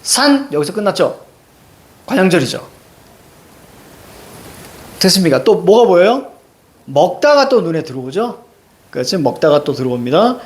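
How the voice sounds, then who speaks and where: A middle-aged man teaching grammar, working briskly through exam questions and checking in with his students. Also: high-pitched, very animated. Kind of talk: classroom lecture, solving exam questions.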